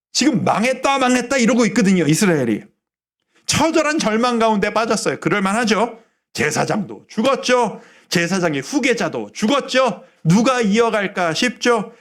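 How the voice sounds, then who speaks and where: 생동감 있게 설교하는 높은 톤의 남성 목사. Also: male voice, very high-pitched. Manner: animated preaching, acting out quoted prayers and God's words. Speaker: pastor. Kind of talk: Sunday sermon.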